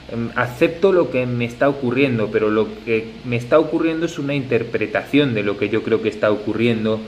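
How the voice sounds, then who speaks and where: A man, talking about ayahuasca integration in a thoughtful, hesitant way, with many pauses and fillers. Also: mid-range voice, slight background noise. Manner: reflective, hesitant with frequent fillers. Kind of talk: casual conversation.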